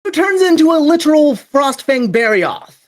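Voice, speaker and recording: A man's voice: very high voice, big pitch swings, normal speed. A man narrating as dungeon master in a tabletop role-playing game, with hesitant fillers.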